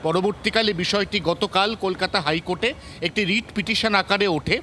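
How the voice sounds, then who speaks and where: In a live explanatory news report, a male reporter in the field talks briskly in a high, forceful voice with a West Bengal Bengali accent. He works through his points one by one with emphasis while faint traffic noise drifts in from outside.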